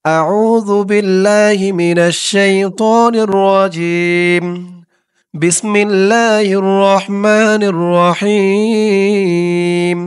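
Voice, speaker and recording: A man teaching a prayer, spelling and chanting each Arabic word slowly, then explaining briskly in Bengali with a Bangladeshi accent. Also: a little high, dry recording, studio quality. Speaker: religious teacher. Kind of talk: step-by-step recitation lesson.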